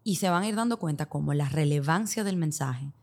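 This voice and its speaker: A woman's voice: low voice, expressive, a little fast, darkish tone. A woman with a Dominican accent explaining things as an expert podcast guest, in Spanglish that drops English business terms into her Spanish. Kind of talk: explanatory interview talk with hypothetical examples.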